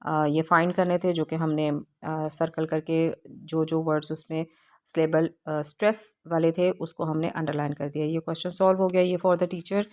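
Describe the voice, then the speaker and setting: Low-voiced woman teaching a textbook lesson. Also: flat delivery, a little mellow. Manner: explains step by step, reads English lines slowly, frequent fillers.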